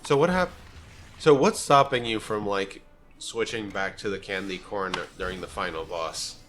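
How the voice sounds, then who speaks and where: A man co-hosting a game session in casual chat, often restarting his phrases haltingly. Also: on the low side, fairly bright tone, faint music behind. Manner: halting, repeats phrase openings. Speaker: let's play co-host watching and commenting.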